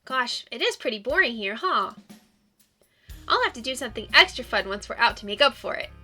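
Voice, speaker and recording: A woman acts out a cheerful young woman in a visual novel game. Her voice is high and brightly forward, with clear music behind it. She talks in a perky, caring, encouraging way. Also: very animated, brisk, heavily acted. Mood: upbeat.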